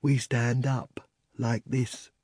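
Man doing a slow, dull-voiced bear. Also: mid-range voice, level tone, no room sound, clean studio sound. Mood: plodding. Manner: slow and soft. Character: slow, plodding male bears.

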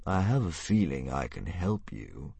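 A vast old dragon, sleepy and sinisterly polite, stretching every word. His voice sits very low and a little husky, with sweeping rises and falls. A man acts him out in a storybook reading. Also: very animated, mellow, no echo, exaggerated voice. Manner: slow, drawling, courteous menace.

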